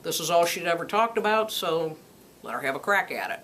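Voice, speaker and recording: A woman in her sixties, a retired Air Force colonel, telling her life story in a lively way, laughing often. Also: fairly low pitch, a little fast, a little hiss or hum. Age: 60s. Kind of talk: personal storytelling interview.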